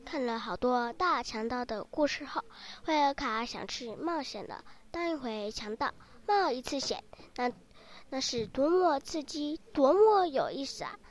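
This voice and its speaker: A woman narrating a children's storybook with lively, expressive delivery. Her voice is high and clear. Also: measured pace.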